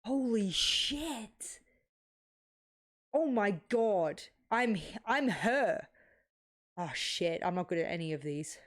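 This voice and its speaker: A young woman thinks aloud on a live stream while she plays. She is excitable and curses a lot, and her commentary runs casual and unscripted. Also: fairly low pitch, slow. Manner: excitable, swears a lot, talks to herself while playing.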